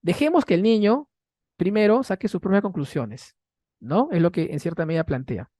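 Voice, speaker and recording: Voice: mid-range voice, lively intonation, normal speed, mellow, dry recording, studio quality. A conference panelist gives an academic lecture to a seated audience from a stage. The speaker keeps checking in with tag questions and rhetorical questions, and often restarts with repeated words. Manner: frequent false starts and repeated words. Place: university hall, speaking from a raised stage facing a seated audience.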